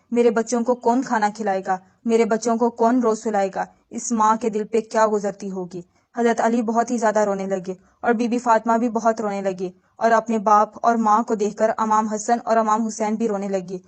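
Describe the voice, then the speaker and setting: A woman telling an emotional religious story in an earnest, sorrowful way, speaking directly to the listener. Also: on the high side.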